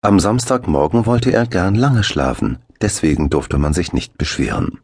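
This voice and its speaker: A man narrating a children's audiobook with a lively, expressive reading on a close studio mic. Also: sits low, normal speed, husky, no echo.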